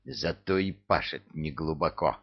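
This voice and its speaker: A man's voice: low voice, animated, slow, lo-fi sound. A man voicing an irritable male devil who runs hell like an office, hissing and barking orders, in an audiobook. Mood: snapping, furious. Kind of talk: audiobook character voice.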